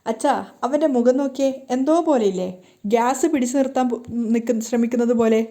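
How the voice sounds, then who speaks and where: A woman's voice: on the high side, fast talker, dark tone, close to an everyday voice. A woman voicing a mocking young husband who keeps needling his family with sarcastic remarks. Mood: teasing.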